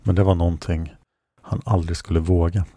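Deep, gravelly male audiobook narrator. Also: level tone, dark tone, dry recording.

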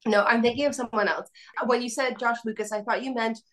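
A woman's voice: on the high side, steady tone, brisk. Chatty young woman podcast co-host. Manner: chatty, peppered with "like". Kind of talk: casual chat.

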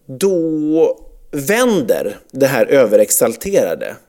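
A man in his thirties telling a personal story in casual chat, animated, swearing freely and full of fillers. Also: mid-range voice.

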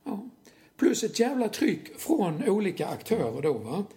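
A man's voice: high-pitched, sing-song, warm tone, slight background noise. A man talking as a youth football coach, blunt and emphatic, who swears freely and keeps tagging rhetorical questions onto his points. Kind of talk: conversational explanation.

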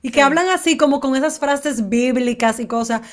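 A woman's voice: high-pitched, moderate pace. A woman, co-hosting a casual gossip podcast and acting out what people said. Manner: animated, acts out quotes dramatically. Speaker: podcast co-host.

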